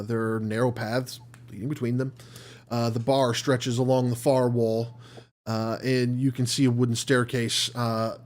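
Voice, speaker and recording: A man narrating as game master in a tabletop game, describing scenes in an unhurried, descriptive way. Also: mid-range voice.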